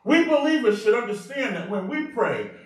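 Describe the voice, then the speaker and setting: A male pastor preaching a sermon in an animated way, calling out to the congregation for responses. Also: sits high, moderate pace. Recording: very echoey room, mic far off.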